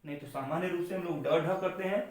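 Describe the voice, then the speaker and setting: A man teaching a lesson on letter sounds, slowly explaining and answering his own questions. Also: sits high. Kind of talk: classroom lesson on pronunciation. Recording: far-off mic in echoey room.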